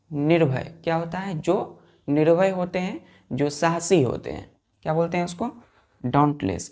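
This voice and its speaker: Woman, deep voice, slight fry, vocabulary teacher, spells letters, asks children to repeat. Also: a little mellow. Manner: mixes Hindi explanations with English words. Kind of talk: classroom-style vocabulary lesson.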